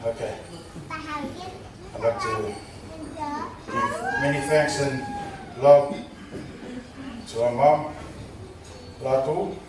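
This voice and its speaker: A man delivers a halting, good-humoured wedding welcome, pausing to catch his breath and find his place. He speaks slowly and is heard from a distance across a very reverberant reception hall. There is a clear hum of room noise behind him. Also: mid-range voice, huge pitch swings. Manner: halting, loses his train of thought, jokey. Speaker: groom's brother giving welcome speech. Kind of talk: informal wedding speech. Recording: echoey hall, distant mic, noisy.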